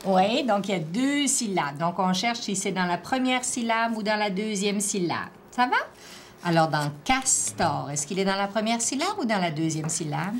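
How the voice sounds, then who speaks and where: A woman teacher with a Québécois French accent, slowly and patiently prompting a child through a one-on-one reading assessment. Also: mid-range voice, expressive. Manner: slow, patient, drawn-out word-by-word prompting. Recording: faint background noise.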